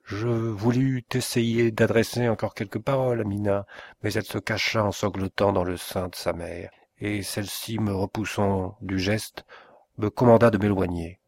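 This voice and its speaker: A man narrating a classic novel in the first person, in a measured and expressive way. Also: fairly low pitch, no echo. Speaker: audiobook narrator. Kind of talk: literary audiobook narration.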